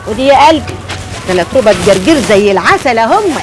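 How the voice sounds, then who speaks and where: Brief: a sweet-talking, nosy Egyptian alley vendor, quick-tongued. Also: female voice, a little high, big pitch swings, poor audio. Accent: Egyptian Arabic. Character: gossipy middle-aged alley greengrocer woman.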